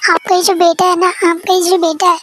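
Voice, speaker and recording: A woman's voice: very high voice, flat delivery, fairly quick, fairly bright tone, low-quality recording. A woman voicing a sulky, childish young wife who talks back, in an amateur fan dub. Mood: pouty. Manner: pouty, defiant.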